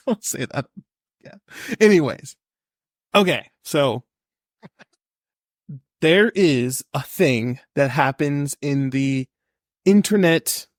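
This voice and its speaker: A man in his thirties co-hosting a casual podcast, talking in an animated, emphatic rant. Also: on the high side, very slow, pauses often, dry recording, studio quality. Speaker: podcast co-host.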